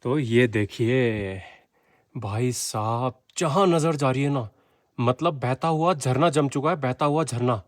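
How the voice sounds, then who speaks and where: A man vlogging a mountain drive, talking excitedly and chattily to his viewers, a little short of breath from the altitude. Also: medium pitch, slow pace, no room sound. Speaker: travel vlogger. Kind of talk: travel vlog narration while driving. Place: inside a car on a mountain road.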